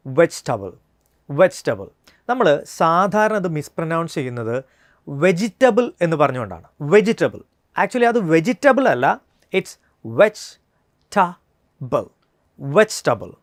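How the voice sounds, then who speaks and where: A Malayalam-speaking English teacher with a Malayali accent, giving a pronunciation lesson and drawing out the model words slowly and carefully. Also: mid-range voice, no echo, clean studio sound. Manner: explains mouth and lip positions while demonstrating.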